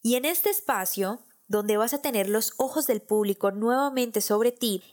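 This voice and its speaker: Woman giving a measured speaking lesson. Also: on the high side, a little mellow. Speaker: podcast host teaching public speaking. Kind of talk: scripted podcast lesson.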